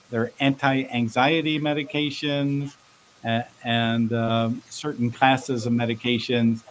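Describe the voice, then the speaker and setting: A man speaking as an interview guest, explaining things casually and haltingly, often repeating his words. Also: mid-range voice, low-quality recording. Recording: faint background hiss.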